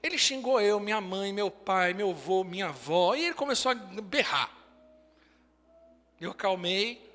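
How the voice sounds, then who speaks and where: A man's voice: sits high, expressive, a little slow, pushed and bright. A man in his forties with a Brazilian Portuguese accent, preaching a sermon in short, emphatic declarations. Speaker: pastor. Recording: long hall reverb.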